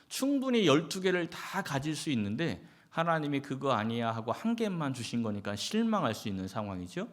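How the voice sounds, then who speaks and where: A male pastor giving a Sunday sermon in a conversational way, asking the congregation questions and acting out short quotes. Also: mid-range voice. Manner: conversational preaching with acted quotes and rhetorical questions.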